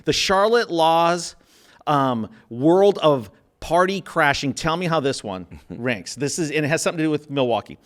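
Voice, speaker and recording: A man's voice: a little high, expressive, normal speed, fairly bright tone. A man in his fifties from Minnesota, hosting a podcast and telling a story casually, acting out the quotes and laughing often. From Minnesota, USA. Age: 50s. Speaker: podcast host.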